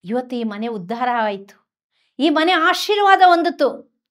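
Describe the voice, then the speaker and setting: A woman lowering her voice as a gentle, loving man. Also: sing-song, measured pace. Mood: tender.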